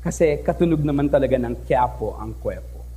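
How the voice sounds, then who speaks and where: A man's voice: medium pitch, a little fast, husky. A young man from the Philippines telling a personal story to a live audience on stage, playful and talkative, often asking the crowd questions. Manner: lively, playful, switches between languages, asks the audience questions. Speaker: teacher giving a talk. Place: stage in an event hall.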